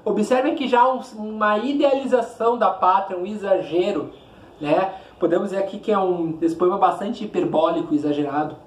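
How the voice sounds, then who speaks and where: A man with a Brazilian Portuguese accent, a literature teacher giving a classroom lecture, explaining in short phrases, asking rhetorical questions and reciting verses slowly. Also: sits high, roomy sound. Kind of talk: classroom lecture with poetry reading.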